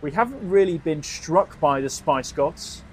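Male co-host, a touch high, rambling upbeat travel storyteller. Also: lively intonation, a little slow, slight background noise. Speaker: podcast co-host.

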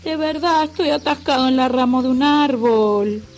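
A woman voicing a playful young male elephant who shouts and pleads in a high voice. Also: normal speed, lightly acted. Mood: plaintive.

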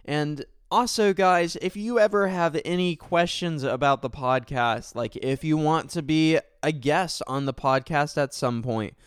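A man's voice: on the high side, measured pace, hardly any pauses, clean tone, no room sound, studio quality. A man hosting his own podcast, talking casually and sincerely in a rambling way, full of fillers and self-corrections. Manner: sincere and thankful. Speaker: podcast host. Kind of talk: casual solo podcast talk.

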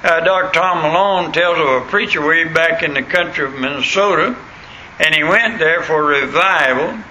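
A man preaches in a homespun rural American country voice that sits a little high and cuts through with a very sharp, bright edge. His diction is plain and unschooled, and he tells stories and reads scripture, checking in with listeners as he goes. There is noticeable noise on the recording. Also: moderate pace. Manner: folksy, punctuates points with questions to listeners. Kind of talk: sermon with anecdotes and scripture reading. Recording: clearly noisy recording.

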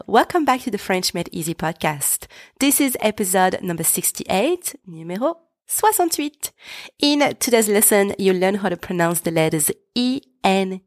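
A woman in her thirties hosting a podcast pronunciation lesson, speaking clearly and patiently and slowing down to model each word. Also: mid-range voice, no room sound, clean studio sound. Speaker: French teacher and podcast host.

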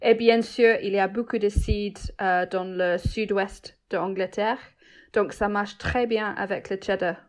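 English-native woman cook, slow and halting, casual chat. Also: mid-range voice, fairly even intonation. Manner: halting, searching for words. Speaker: guest cook.

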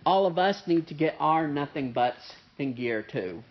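During a church service where a pianist is present, a pastor delivers his sermon conversationally in a nasal, fairly high voice with lively intonation and a slightly slow pace. He leans on "uh" fillers and frequent "right?" asides, captured in a dull, muffled recording.

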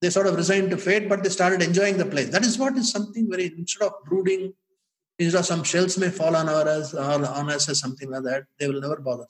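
An older man with an Indian accent telling memories in an animated, emphatic, conversational way, often addressing the listener as sir. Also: a little high, quick pace, poor audio. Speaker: former bank inspector telling memories. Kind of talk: conversational storytelling.

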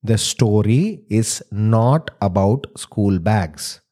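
A man's voice: on the low side, animated, drawn-out words, warm tone. A man with a South Indian accent who hosts and tells stories in Indian English phrasing. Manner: uses Tamil words and Indian English phrasing. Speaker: host and storyteller. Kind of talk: scripted storytelling and playful family dialogue.

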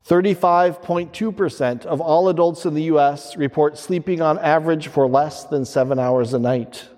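A man speaking as a priest in solemn, measured liturgical reading and preaching, his voice ringing with cathedral echo. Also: on the high side, steady tone, darkish tone. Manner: solemn, measured delivery with deliberate pauses. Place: large reverberant church. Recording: long cathedral echo, reverberant church hall.

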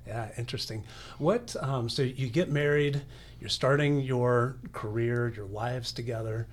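A man's voice: mid-range voice, a little slow. A man hosting a podcast, asking questions and affirming his guests in an encouraging way. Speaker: podcast host. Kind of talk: interview.

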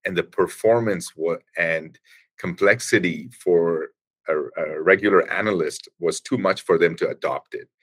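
A man being interviewed on a podcast, explaining things at length in a halting way with many restarts. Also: low-pitched, husky. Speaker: guest, engineering executive.

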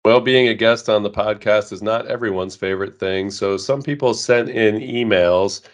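Very deep-voiced man, a bit nasal. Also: moderate pace. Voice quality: nasal today. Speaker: podcast co-host. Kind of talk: casual podcast talk.

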